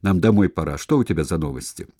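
A man doing a calm, friendly fat shoemaker. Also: low voice, no echo, clean studio sound. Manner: friendly, unhurried.

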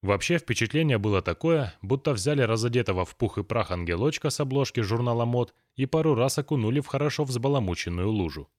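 A man narrating an audiobook in an even, ironic storytelling manner. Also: medium pitch, fast talker, few pauses, no echo, clean studio sound.

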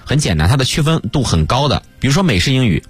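A man, an English teacher, chatting as a guest on a radio talk show and telling lively stories. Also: mid-range voice, fast, breathy edge, no echo, faint music behind. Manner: lively storyteller, mimics English accents. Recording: dry studio radio mic.

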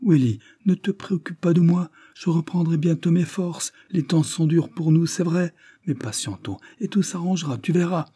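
A man's voice: fairly high pitch, normal speed, hardly any pauses, mellow, breathy edge, no room sound, studio quality, voice pushed up. A man reading an audiobook, voicing a frail, anxious young wife who pleads breathlessly. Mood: anxious pleading.

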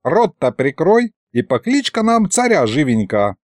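A man's voice: very animated, a little slow, dry recording. Man putting on a folksy old granddad. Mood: teasing. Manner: folksy rustic drawl, raised pitch. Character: fussing folksy old grandfather, doting and teasing.

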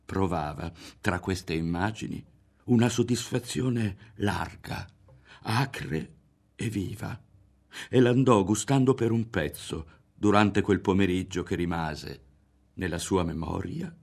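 A man narrating a literary audiobook in a measured, expressive way. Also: low voice. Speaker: audiobook reader.

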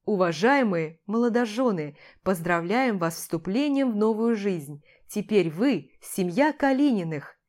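A woman's voice: medium pitch, animated, measured pace, few pauses, darkish tone, lightly acted. A woman voicing the groom's proud older father, giving a formal ceremonial toast in an audiobook. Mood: solemn.

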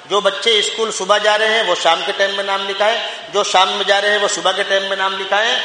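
A man from India, a mufti, preaches a fervent Urdu sermon in a mosque hall, piling on rhetorical questions and repeated phrases. His voice sits high and sounds pushed and bright, though his delivery stays flat. The echoey hall gives the recording a long reverb.

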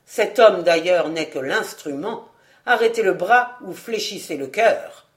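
A woman reading aloud, voicing an insolent male valet who speaks calmly and mockingly. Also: fairly low pitch. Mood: menacing. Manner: mocking, unhurried, calm.

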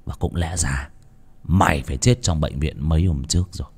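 A man's voice: expressive, a little slow, a little mellow, dry recording, exaggerated voice. A man voicing a brutal male thug who talks in a cold, sneering growl. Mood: menacing. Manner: sneering, threatening low growl.

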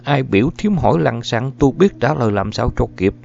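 A cool, unbothered young village girl, as a male storyteller puts her on, answering back in a quick, glib voice. The recording is dull and lo-fi. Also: medium pitch, animated, gravelly, a little mellow, slight background noise, voice pushed up. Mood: cheeky.

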